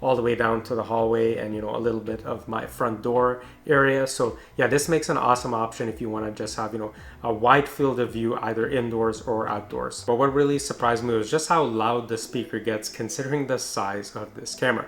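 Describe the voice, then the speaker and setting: A man's voice: medium pitch, steady tone, a little fast, few pauses, fairly bright tone. Man narrating a conversational product review. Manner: explanatory, informal.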